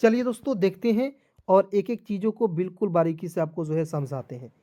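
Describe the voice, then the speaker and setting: Mellow-voiced man drilling spellings aloud. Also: high voice, brisk. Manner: spells words letter by letter and drills them; keeps asking viewers questions, calls them friends. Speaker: teacher. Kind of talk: spelling and pronunciation lesson.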